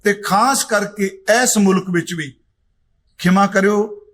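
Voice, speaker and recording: A middle-aged man gives a Sikh scripture discourse in a fairly high voice. He draws out quoted verses slowly, almost chanting them. Then he explains them in plain everyday speech. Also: fairly even intonation, a bit bright. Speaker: Sikh preacher giving katha.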